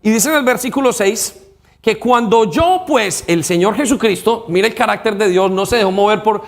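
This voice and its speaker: A man's voice: high-pitched, moderate pace. A man pastor preaching an emphatic sermon in a church, with call-and-response to the congregation.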